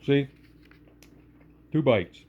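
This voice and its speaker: A man with an unhurried, easygoing drawl talks through a home-cooked snack in a casual cooking vlog. His voice sits at a middle pitch, folksy and chatty. He is recorded on a handheld phone in a cabin kitchen. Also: animated, husky, narrow, tinny audio.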